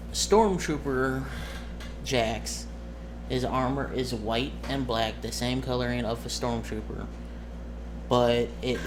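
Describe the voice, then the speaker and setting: With a medium-pitched voice over background noise, a man serves as game master. He describes a tabletop game scenario casually, halting and correcting himself along the way.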